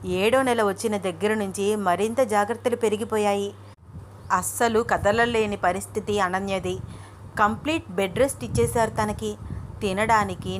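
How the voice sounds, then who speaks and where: A woman storyteller narrating a romantic family story in a steady, expressive reading voice. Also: mid-range voice, a little hiss or hum.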